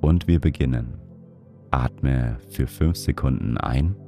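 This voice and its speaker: A man's voice: very deep voice, slow pace, warm tone. A man guiding a breathing meditation, counting breaths in short, spaced words. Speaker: meditation guide. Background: music.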